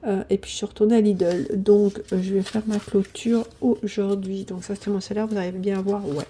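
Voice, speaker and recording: A woman's voice: medium pitch, flat delivery, brisk, mellow, slightly rough. A woman, chatting casually to viewers about her weekly budget, full of fillers and repeated "voilà, voilà". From southern France. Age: 50s. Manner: chatty, hesitant, many fillers. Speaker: budgeting vlogger.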